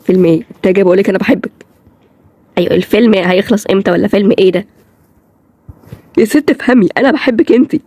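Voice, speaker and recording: A woman's voice: medium pitch, rapid-fire, long pauses, mellow, no room sound, close to an everyday voice. A woman with an Egyptian accent voicing an earnest young man who insists, exasperated, on being understood. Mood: insistent.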